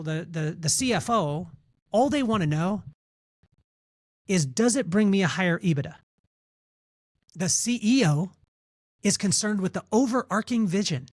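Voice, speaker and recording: A man with a fairly high voice speaks as a podcast guest. He talks through his points in an animated, storytelling way, repeating words as he goes and acting out what other people said. The sound is close and dry. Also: dry recording. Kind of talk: conversational storytelling interview.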